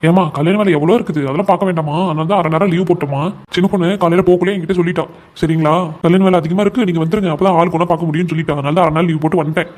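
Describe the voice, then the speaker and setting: Young cartoon husband, man voicing, fairly high voice, very fast, earnest, pleading, stubborn. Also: steady tone, darkish tone, lightly acted. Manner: earnest, pleading, stubbornly defends his wife. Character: young husband torn between his mother and wife. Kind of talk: cartoon voice acting.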